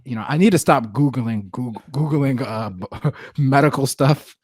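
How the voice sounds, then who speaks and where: A man's voice: mid-range voice, normal speed, darkish tone, husky, no room sound, clean studio sound. A man co-hosting a casual comedic podcast, joking in slang and often repeating his phrases. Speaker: podcast co-host.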